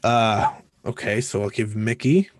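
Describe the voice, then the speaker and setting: A young adult man co-hosting a podcast in casual chat, expressive and often exasperated, with some swearing. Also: on the low side, measured pace, no room sound, studio quality. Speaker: podcast co-host.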